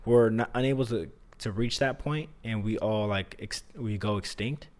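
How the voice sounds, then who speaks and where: Young male co-host, lowish voice, loose slangy delivery with casual swearing. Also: moderate pace, darkish tone. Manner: slangy, swears freely, says dude and like. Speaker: podcast co-host. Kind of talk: casual chat.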